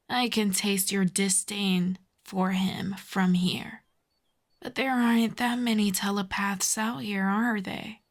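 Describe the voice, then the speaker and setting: Her voice breathy and medium-pitched, often slipping toward a whisper, a woman performs a smug telepathic female villain in an intimate ASMR roleplay monologue. The character is mocking, menacing and secretly intrigued, and she takes her time over each sardonic taunt.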